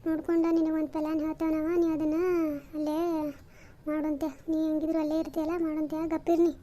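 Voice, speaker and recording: A woman's voice: sits high, monotone, mellow, lightly acted. A woman with a North Karnataka accent voicing a chatty, bossy village woman in a cartoon comedy. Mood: bossy reassuring. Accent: North Karnataka Kannada. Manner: brisk, bossy, reassuring. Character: chatty village woman consoling her friend.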